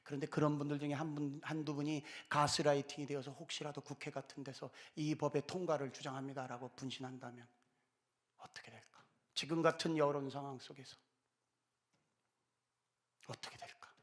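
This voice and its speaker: A man's voice: fairly high pitch, flat delivery, a little fast, pauses often. A man in his fifties giving an impassioned church talk, pleading with urgent fervor. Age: 50s. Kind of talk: impassioned exhortation.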